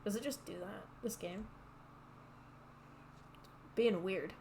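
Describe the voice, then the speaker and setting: A woman's voice: mid-range voice, slow pace, vocal fry, background noise. A woman streaming a game with casual commentary, hesitantly thinking aloud as she goes.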